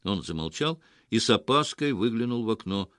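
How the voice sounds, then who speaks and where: A man narrating a story in an expressive scripted reading. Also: on the low side, a little fast, no echo, clean studio sound. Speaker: audiobook narrator.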